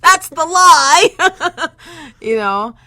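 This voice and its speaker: Slow-talking giggly young woman. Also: high-pitched, animated, no echo. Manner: giggly, trails off softly. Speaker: podcast co-host. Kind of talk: casual chat.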